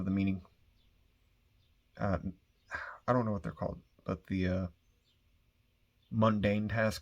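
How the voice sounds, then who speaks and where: A man with a somewhat low, husky voice recaps a comic book plot in an easygoing, rambling way. He fills his talk with loose asides and swears offhandedly. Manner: rambling, filler-heavy, swears casually.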